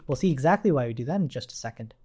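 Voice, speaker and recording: A programming tutorial instructor gives an informal live-coding lesson indoors at a computer, thinking aloud as keys clack in the background and often asking "right?". The voice is medium-pitched, expressive and mellow, delivered very fast with slight background noise.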